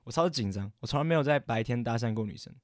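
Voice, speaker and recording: Fast-talking young man rambling a story. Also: medium pitch, lively intonation, no room sound, studio quality. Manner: rambling, stammering, frequent self-corrections. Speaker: podcast co-host. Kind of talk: casual storytelling chat.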